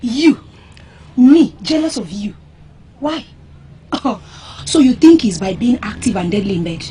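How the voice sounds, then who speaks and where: An actress playing a bold, sharp-tongued young village woman who taunts loudly and scornfully. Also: a little high, animated, measured pace, slightly rough, full character voice. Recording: noisy background.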